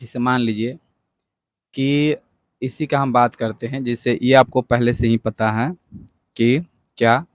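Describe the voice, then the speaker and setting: A man's voice: mid-range voice, steady tone, measured pace, pauses often, dry recording. A male teacher giving a patient lesson at a board, going over each point again and checking that the class follows. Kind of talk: whiteboard lesson.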